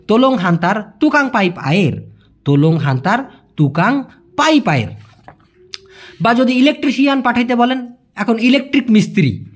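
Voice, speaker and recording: Bangladeshi guy teaching a language, high voice that swoops a lot, says every example twice. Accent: Bangladeshi Bengali. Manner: explains slowly with repeated examples, calls listeners brother. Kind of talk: language lesson for migrant workers.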